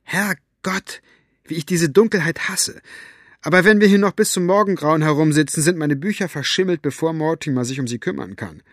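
A man voicing Elinor, a gruff, sharp-tongued older woman who scolds and snaps, in an audiobook reading. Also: fairly high pitch, normal speed, no room sound, studio quality, pitched above the performer's own voice. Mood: irritated. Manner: brusque, scolding.

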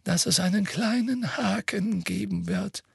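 A man voicing a calm, mild old male wizard headmaster who speaks slowly and gently. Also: high-pitched, vocal fry, breathy edge, no echo, clean studio sound, pitched above the performer's own voice, heavily acted.

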